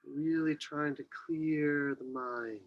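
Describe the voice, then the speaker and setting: A man teaching qi gong, giving serene, unhurried movement and breathing cues with long pauses. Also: a little high, steady tone, no echo, dull audio. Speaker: qi gong instructor.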